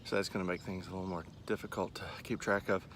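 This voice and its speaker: Male, 40s, low voice, casual rambling vlogger pacing outside, with ambient noise behind him. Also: little pitch movement, fast, a bit bright. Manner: rambling, self-deprecating, talking while pacing around. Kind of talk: casual running vlog chat to camera. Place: outdoors in a park by a lake. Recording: clear outdoor ambient noise.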